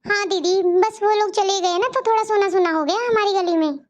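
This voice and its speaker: A woman's voice: very high voice, moderate pace, lo-fi sound. A woman doing a chatty naive cartoon little sister. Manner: chatty, blunt. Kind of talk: cartoon story voice acting.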